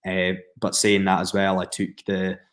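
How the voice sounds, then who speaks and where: A Scottish footballer, the guest on a podcast, talks through lengthy answers in a calm, thoughtful manner, stumbling into fillers and fresh starts. His pitch stays low and flat, and he speaks at normal speed.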